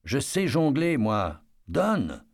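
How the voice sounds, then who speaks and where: Man playing a cocky young prisoner in a storybook, raised gravelly husky voice, brash sing-song coaxing. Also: medium pitch, huge pitch swings, slow, pitched above the performer's own voice, heavily acted. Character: bold young male prisoner, scheming showman.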